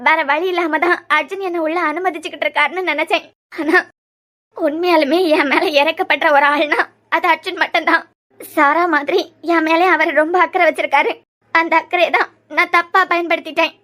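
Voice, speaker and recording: A woman's voice: very high voice, steady tone, brisk, bright, forceful tone. A woman voicing a remorseful, lonely young woman in a cartoon, with a Kanyakumari Tamil accent and a pleading, confessional way of talking.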